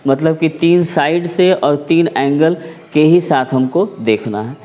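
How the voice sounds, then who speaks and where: A man's voice: fairly high pitch, measured pace, mellow. A man teaching a math class, explaining patiently and often asking whether the students follow. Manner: explanatory, checks understanding with repeated questions.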